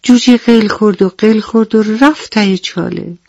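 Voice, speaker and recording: A woman narrating a bedtime story on the radio, speaking gently and turning to the children listening. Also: mid-range voice, creaky, no room sound. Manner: gentle, addresses children directly. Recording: dull dry radio studio sound.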